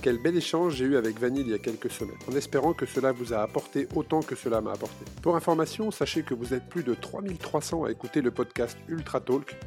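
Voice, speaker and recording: A man hosting a podcast interview, talking in a relaxed way with many hesitations. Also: medium pitch, fast talker, few pauses, soft background music. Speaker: podcast host.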